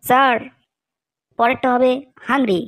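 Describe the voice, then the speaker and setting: Cartoon student, smug lazy schoolboy, high drawl, voiced by a man. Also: steady tone, unhurried, fairly bright tone. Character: lazy, overconfident male student nicknamed Borda. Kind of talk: cartoon voice acting.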